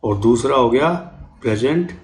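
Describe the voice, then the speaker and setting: A man's voice: mid-range voice, animated, roomy sound. Older Indian man teaching grammar. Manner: spells words out letter by letter, slow and deliberate. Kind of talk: classroom-style grammar lesson.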